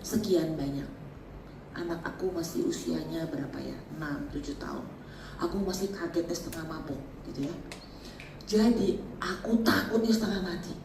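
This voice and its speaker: A middle-aged woman, giving a lively church workshop talk. She is chatty and joking, laughs often and mixes in English phrases. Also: low voice, moderate pace, vocal fry. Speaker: seminar speaker. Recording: echoey hall, mic at a distance, faint background noise.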